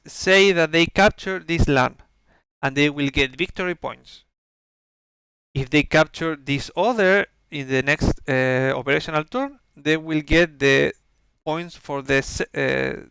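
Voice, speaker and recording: A man with a non-native English accent giving an explanatory game briefing in a halting, methodical way, searching for words. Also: on the high side, fairly bright tone, clean tone, no echo. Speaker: organizer briefing players on campaign rules.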